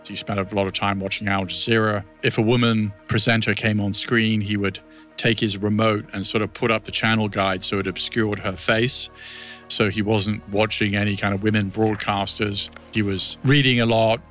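Bright, low-voiced man explaining in interview. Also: level tone, normal speed, faint music behind. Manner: conversational, explanatory. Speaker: interviewed expert commentator. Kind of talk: unscripted explanatory interview talk.

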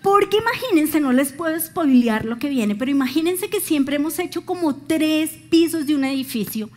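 A Colombian woman preaching a sermon as a pastor, telling animated stories and acting out the voices she quotes. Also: high voice, normal speed.

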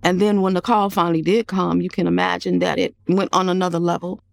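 Creaky older woman recalling in interview. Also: fairly low pitch, level tone, no echo. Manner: halting, emphatic repetition. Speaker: relative interviewed as witness. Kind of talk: interview recollection.

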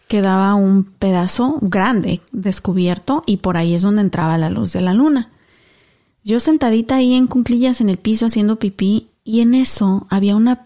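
A woman in her thirties, a podcast co-host, telling a story casually and acting out the voices of the people in it. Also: mid-range voice. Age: 30s. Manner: animated storyteller, acts out dialogue.

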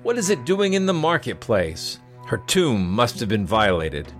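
Man acting storybook prince, indignant father, formal and demanding, raised lively pitch. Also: measured pace, faint music behind.

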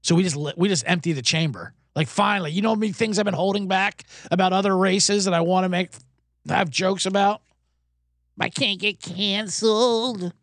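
Speaking at normal speed, this man has a high, fairly bright voice captured in clean studio sound with no room tone. As host of a sports betting podcast, he jokes, riffs, swears, wanders off topic, and does mock accents in casual betting chat.

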